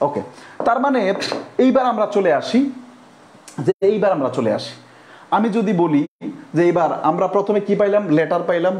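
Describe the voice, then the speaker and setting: High-voiced teacher in an echoey room. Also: male voice, animated, moderate pace, pauses often, a little mellow. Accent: Bangladeshi Bengali. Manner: repetitive, quizzing students with rhetorical questions; spells words out letter by letter. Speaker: English grammar teacher. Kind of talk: classroom lecture.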